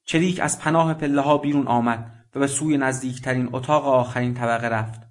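A man reading a literary story as a radio narrator, measured and deliberate. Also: medium pitch, fairly even intonation. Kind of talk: scripted narration.

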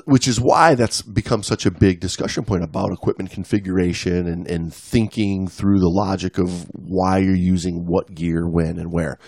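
Man, podcast co-host, gravelly, fairly low, casual diving chat, animated reading, dry close sound. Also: normal speed, hardly any pauses. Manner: animated, reads passages aloud with emphasis.

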